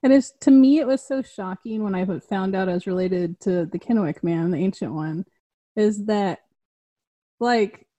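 A woman's voice: mid-range voice, normal speed, mellow. A woman guest in a casual conversation, speaking heartfelt and earnest, with lots of "like". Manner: heartfelt, earnest, says "like" often.

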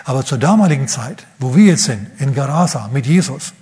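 Husky preacher, lively storytelling. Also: male voice, medium pitch. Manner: acts out the figures in quick asides. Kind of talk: lively sermon retelling a Bible story.

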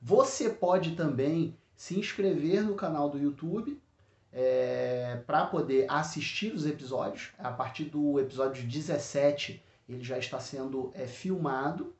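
A man from Rio de Janeiro with a Carioca accent, hosting a solo podcast of blunt, profane rants and often filling pauses with "é". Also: on the high side, a little mellow, roomy sound. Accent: Carioca Brazilian Portuguese. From Rio de Janeiro, Brazil. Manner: blunt, profane, frequent filler "é". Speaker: podcast host. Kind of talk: solo complaint podcast rant.

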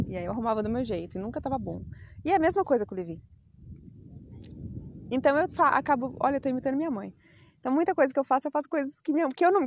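Woman host, casual outdoor vlog, slightly high voice, faint background noise, confiding storyteller. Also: a little mellow. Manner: chatty, confiding, quick bursts of storytelling. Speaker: podcast host. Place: outdoors, out for a bike ride.

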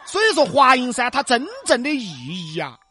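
Lively man with a bright Sichuanese accent. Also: very high voice, normal speed, slightly rough. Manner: animated bantering in Sichuan dialect. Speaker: co-host of a comic travel show. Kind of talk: scripted comic crosstalk about local culture.

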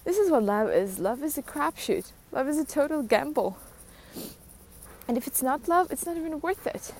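A woman's voice: high voice, expressive, moderate pace, darkish tone. A young adult woman hosting a podcast, rambling through a casual solo rant, mocking herself and laughing often. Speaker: podcast host.

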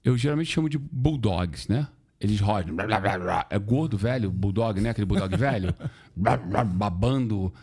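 A man's voice: fairly low pitch, normal speed, husky. A man telling stories in a casual podcast chat, full of slang and swearing, acting out quoted voices. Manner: animated storytelling with slang and swearing.

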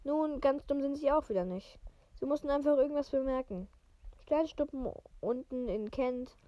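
A woman's voice: sits high, normal speed, no room sound, muffled recording, close to an everyday voice. A woman reading a stern, irritable old witch professor. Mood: irritated. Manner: read in her own voice, stumbling over words.

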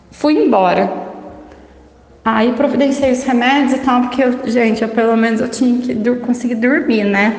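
A young adult woman telling viewers a personal story in an outspoken, animated way, with many restarts. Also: a little high. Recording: echoey room with long reverb.

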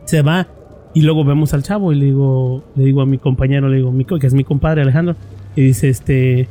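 A man's voice: mid-range voice, steady tone, a little fast, dark tone. A man with a Mexican accent telling a story in casual, slangy chat, full of restarts and filler slang. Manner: slangy, peppers speech with "güey", many restarts. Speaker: podcast co-host telling a story.

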